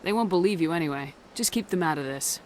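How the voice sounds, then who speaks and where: Woman acting female military commander, fast clipped delivery, blunt, challenging, video game, faint ambient noise. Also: fairly low pitch, animated, a little mellow, lightly acted. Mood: dismissive. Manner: curt, brusque, challenging.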